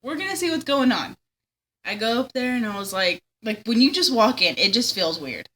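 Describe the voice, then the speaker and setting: Giggly bright-voiced young woman. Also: fairly high pitch, big pitch swings, moderate pace, poor audio. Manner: giggly, chatty, acts out quoted voices. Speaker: caller telling a ghost story. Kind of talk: casual storytelling on radio.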